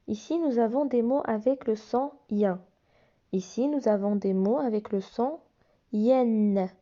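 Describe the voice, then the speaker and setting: A woman's voice: a little high, mellow, dull audio. A woman teacher walking young children through phonics exercises, patiently spelling out letters and sounds. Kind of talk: phonics lesson explaining workbook exercises.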